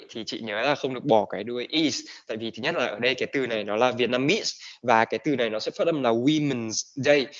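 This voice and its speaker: A man teaching English pronunciation to a class, switching between Vietnamese and English with many fillers. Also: medium pitch. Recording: dull lo-fi recording.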